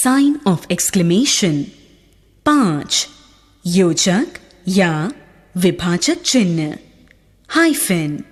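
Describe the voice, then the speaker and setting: Woman teacher, very slow dictation pace, lively rising and falling pitch, slightly husky, lesson read phrase by phrase. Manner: slow, deliberate, clause-by-clause dictation. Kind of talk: read-aloud grammar lesson.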